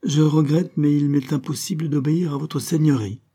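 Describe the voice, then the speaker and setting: A man's voice: fairly high pitch, steady tone, normal speed, mellow, slightly rough, voice pushed up. A man playing a mischievous young doctor who speaks in a mock-formal, playful way. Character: young male doctor, mischievous yet gentle.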